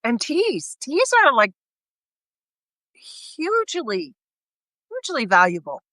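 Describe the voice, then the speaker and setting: A woman's voice: on the high side, wildly swooping pitch, takes it slowly, bright, forceful tone, no room sound. A woman talking casually in a live video chat, rambling and restarting her sentences as she explains. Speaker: guest speaker on health. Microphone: video call.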